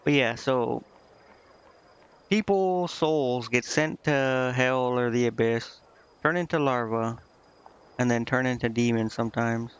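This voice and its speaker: Taking it slowly, a man with a clean, medium-pitched tone gives relaxed video game commentary. He rambles while thinking aloud and stumbles over the dialogue he reads, and the mic sound is dull and lo-fi.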